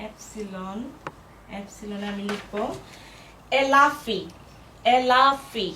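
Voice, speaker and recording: A woman teaching a language lesson at a board, spelling words out slowly syllable by syllable. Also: mid-range voice, pushed and bright, a little hiss or hum. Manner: slow, syllable-by-syllable explaining. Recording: echoey room, voice from a distance.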